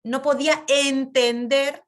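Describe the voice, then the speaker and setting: A woman teaching a class on compassion, telling personal stories in an intimate, emphatic way with pauses. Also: sits high, little pitch movement, a bit bright. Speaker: meditation and personal growth teacher. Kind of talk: reflective lesson with personal stories.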